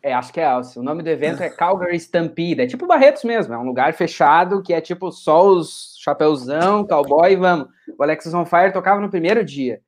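Brazilian man, podcast guest, emphatic, enthusiastic anecdotes, relaxed chat. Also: on the high side, fairly quick, hardly any pauses. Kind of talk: casual chat.

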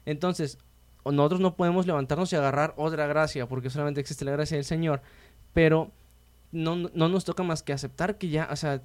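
Guy hosting a faith chat, slightly high voice, easygoing homely examples. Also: fairly quick. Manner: explains with homely comparisons, relaxed. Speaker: host.

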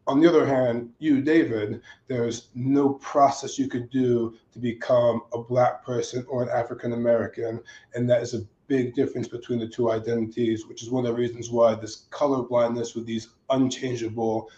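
Hoarse man in an echoey room. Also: mid-range voice, level tone, normal speed, mellow. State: hoarse from recently losing his voice. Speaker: panelist. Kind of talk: prepared panel remarks. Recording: roomy echo, slightly dull sound.

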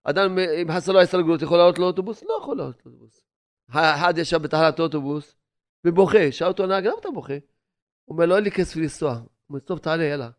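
A man preaching a sermon, telling stories and swinging between loud urging and hushed asides. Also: a little high.

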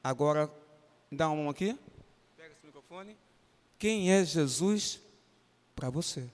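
A man's voice: fairly high pitch, expressive, measured pace. A man with a Brazilian Portuguese accent, a pastor leading an interactive Bible lesson for children in a church and coaxing them by name to answer. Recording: reverberant church hall.

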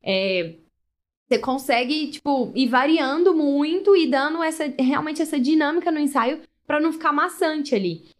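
A woman's voice: high-pitched, moderate pace. A young adult woman, a family photographer, chatting casually in a live session and acting out the lines of the people in her stories. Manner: lively storyteller, acts out dialogue.

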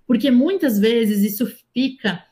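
A woman, a mother of young children, talking calmly and at length about parenting as a guest in a casual conversation. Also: a little high, measured pace. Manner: calm, reflective, explains at length.

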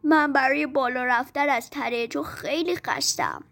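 A woman voicing a needy boy who grows into a tired old man, in a storybook reading, in a plain, slightly lowered voice. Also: vocal fry, a bit bright. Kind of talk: storybook narration.

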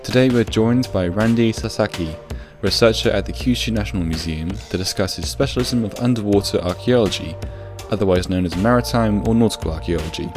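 A young man hosts an academic podcast, his very deep voice measured and formal as he reads. Music plays clearly behind him. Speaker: podcast host. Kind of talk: scripted podcast introduction and interviewing.

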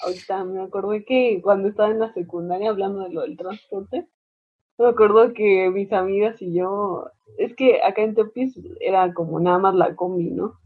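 Husky Mexican woman on a tinny line. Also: mid-range voice, moderate pace. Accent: Mexican Spanish. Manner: animated storyteller, acts out shouted quotes. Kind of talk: casual chat. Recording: phone-like lo-fi line.

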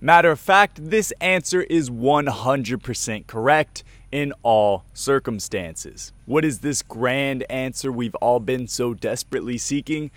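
Guy hosting a bible teaching vid, energetic and jokey, medium voice, dry sound, faint music under it. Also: mid-range voice, a little slow, few pauses, no echo. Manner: energetic and playful, with dramatic skits and jokes. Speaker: host of a Bible teaching show. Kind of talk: scripted video teaching.

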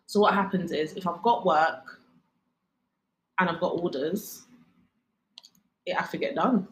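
A woman's voice: lowish voice, measured pace. British woman, podcast co-host, tired, casual slangy chat, echoey room, faint background noise. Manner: chatty, slangy and laughing. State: tired from no sleep.

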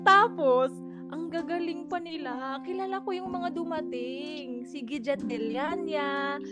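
A young woman casually telling a story, animated, laughing often and acting out what people said. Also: sits high, slow pace. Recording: music playing behind.

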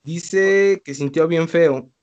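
A man's voice: on the high side, slow, muffled recording. A young man with a Mexican accent, co-hosting a casual talk show and telling a listener's spooky story in slangy, easygoing speech. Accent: Mexican Spanish. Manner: slangy, laid-back, laughs between lines. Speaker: podcast co-host reading a listener's story.

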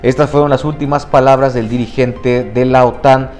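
A man's voice: medium pitch, fairly even intonation, normal speed, darkish tone, faint music behind. Joking man co-hosting news. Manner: joking, self-mocking asides. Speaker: news podcast co-host. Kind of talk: news read with banter.

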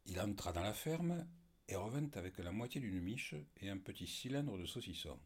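A man narrating an audiobook in a measured storytelling manner. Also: fairly low pitch, animated, breathy edge.

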